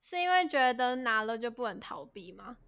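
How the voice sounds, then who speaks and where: Woman cohost, kinda high voice, keeps asking follow-up questions. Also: big pitch swings, normal speed, fairly bright tone, clean tone. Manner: attentive listener, short backchannels and probing questions. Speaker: podcast co-host. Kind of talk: casual chat.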